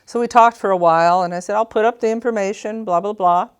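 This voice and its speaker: A woman's voice: mid-range voice, quick pace, smooth. An older woman from San Francisco, a retired police officer, telling her story in a documentary interview and acting out the dialogue. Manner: storytelling, acts out quoted dialogue.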